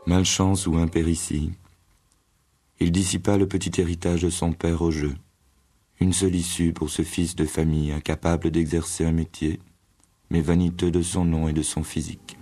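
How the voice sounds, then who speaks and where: A man reading a quoted text in a flat, sober delivery. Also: sits low, normal speed. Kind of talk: scripted reading.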